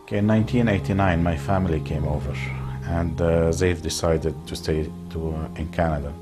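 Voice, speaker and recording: A man in his fifties, born and raised in Lebanon, speaking in an interview with a measured pace, many pauses and fillers. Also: low voice, steady tone, music in the background. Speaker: interviewee, businessman. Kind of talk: reflective interview talk.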